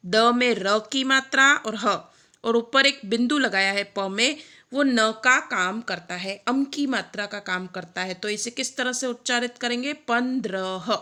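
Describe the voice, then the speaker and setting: A woman's voice: fairly high pitch, pushed and bright. A woman teaching a primary class, counting pictured objects aloud and spelling out each number word letter by letter. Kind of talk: online lesson.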